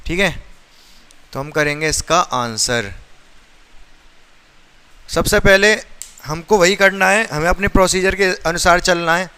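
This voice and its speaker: A man's voice: high-pitched, measured pace, long pauses, pushed and bright, smooth. A man teaching a maths lesson in a classroom, who keeps asking his students questions and then answers them himself.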